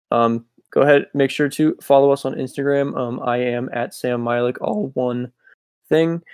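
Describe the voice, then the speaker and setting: A worn-out young man co-hosting a podcast late at night over a voice call. He talks in a low-key way, filling pauses with ums. His pitch is middling, and the audio is close and dry with no echo. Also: a little mellow, clear, resonant tone. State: tired. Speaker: podcast co-host. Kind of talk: casual chat. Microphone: Discord voice call.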